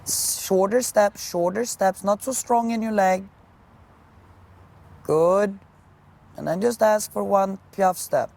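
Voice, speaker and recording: Woman, riding coach, brisk projected commands, short repeated instructions, live lesson. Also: medium pitch, gravelly, a little mellow.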